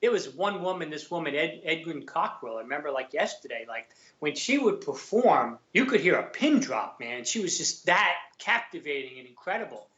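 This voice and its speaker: Man, middle age, Brooklyn accent, colloquial storyteller, slightly raised pitch, roomy recording. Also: moderate pace, hardly any pauses. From Brooklyn, New York. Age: middle-aged. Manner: colloquial, animated retelling with quoted dialogue. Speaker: podcast guest, actor and former police officer. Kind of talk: casual anecdotal storytelling. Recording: roomy, slightly dull remote audio.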